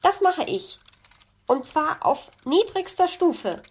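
A chattering, eager magpie lady from a children's audiobook, chirping up high and swooping through her lines with loud delight, as a woman reader puts her on. She gushes over every rhyme. The voice stays lively and sparkling throughout. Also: slow pace, heavily acted. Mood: excited. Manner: gushing, bright and eager. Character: excitable chattering female magpie.

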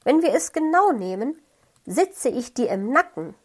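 Woman voicing a teasing male owl for a children's storybook, high and bright, smug playful temper. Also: very animated, husky, heavily acted. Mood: cheeky. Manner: quick-witted, teasing.

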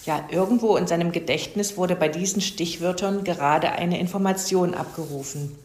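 A woman reading a children's story aloud in a calm, even manner. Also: fairly low pitch, moderate pace. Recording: roomy echo.

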